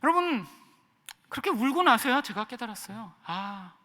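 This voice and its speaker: A middle-aged man preaching a sermon as a pastor, telling a personal story in an animated way. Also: very high-pitched, normal speed, long reverb tail. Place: church sanctuary.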